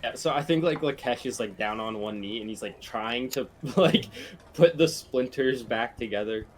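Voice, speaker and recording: A man's voice: mid-range voice, normal speed, soft background music. A man playing a tabletop game, describing his character's actions in loose, casual talk. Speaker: player. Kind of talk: casual tabletop role-play.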